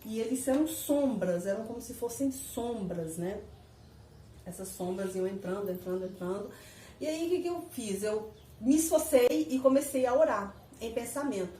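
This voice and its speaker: A woman casually telling her viewers a personal story, animated and repetitive, laughing as she goes. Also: on the high side, moderate pace, a little hiss or hum. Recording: echoey room, mic at a distance.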